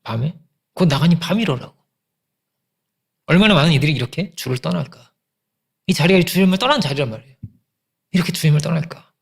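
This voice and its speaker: A man's voice: fairly high pitch, lively intonation, fairly quick, creaky, long pauses, slightly rough. A middle-aged male pastor preaching a sermon with emphatic repetition and rhetorical questions.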